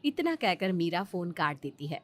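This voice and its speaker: A woman narrating a children's story in an expressive, sing-song way. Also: on the low side, normal speed.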